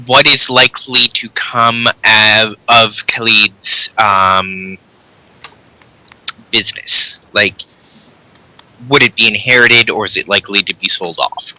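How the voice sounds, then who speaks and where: A man playing a tabletop game, asking slow, hesitant questions with many ums. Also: on the low side, steady tone, pushed and bright, no echo, low-quality recording. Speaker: player.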